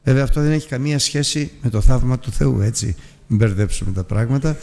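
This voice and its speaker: A man of ordinary pitch teaches a Bible lesson with a gravelly edge to his voice. He retells a scripture story earnestly, pushing key words up and letting others fall. He speaks to his listeners as brothers. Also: dark tone. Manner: earnest storytelling with emphatic rises and drops.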